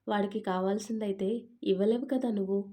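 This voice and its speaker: A woman's voice: medium pitch, fairly even intonation, a little fast, dark tone, close to an everyday voice. A woman voicing an irritable young husband and boss in an audio story, talking curtly and scolding. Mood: irritated. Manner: curt, scolding.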